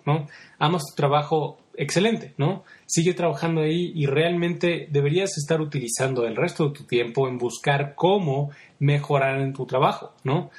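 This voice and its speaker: A man hosting a motivational podcast, talking in a conversational way and tagging many sentences with a questioning "right?". He tells stories with quick voiced asides. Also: a little high. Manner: conversational, frequent rhetorical "¿no?" tags. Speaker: podcast host.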